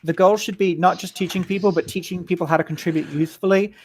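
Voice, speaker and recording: A man at an online community meeting, explaining his views in a measured way with frequent ums. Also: high-pitched, steady tone, a little hiss or hum. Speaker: staff member at a community meeting. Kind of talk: casual voice chat.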